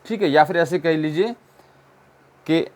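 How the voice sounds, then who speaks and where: A man's voice: fairly high pitch, measured pace, a little mellow. A man teaching an English grammar lesson, asking questions and answering them himself and repeating the key points. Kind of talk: classroom-style explanation.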